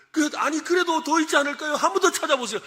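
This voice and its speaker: A man preaching a sermon as senior pastor, lively and animated, asking the congregation questions and acting out complaining voices. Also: very high-pitched.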